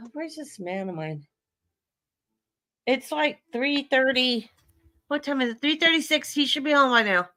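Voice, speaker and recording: A middle-aged woman hosting a casual livestream chat. Her voice sits a little high, and she tells everyday stories in a chatty, animated way, dropping frank asides as she goes. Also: measured pace, pauses often, no room sound. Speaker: livestream host.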